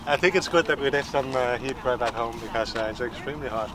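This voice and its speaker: A man answering casually, halting with many uhs. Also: medium pitch, fairly even intonation, noisy background. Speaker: fellow triathlete. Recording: crowd chatter behind.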